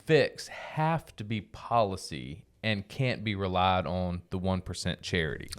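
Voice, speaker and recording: A young adult man hosting a podcast, speaking in a relaxed, casual way with plenty of fillers. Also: sits low, unhurried, clear, resonant tone. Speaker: podcast host.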